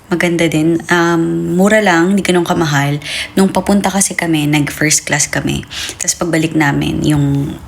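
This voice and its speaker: A woman's voice: fairly even intonation, moderate pace, vocal fry, a little hiss or hum. A woman vlogger and new mother chatting casually about her days, with many fillers and self-corrections. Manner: high, playful baby talk to her daughter. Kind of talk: casual vlog chat. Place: home in Hong Kong.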